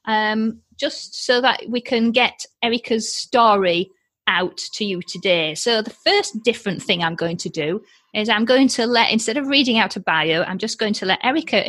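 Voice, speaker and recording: A woman's voice: medium pitch, fairly bright tone, dry recording. A woman hosting a light-hearted podcast, enthusiastic and upbeat as she welcomes her guest. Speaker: podcast host.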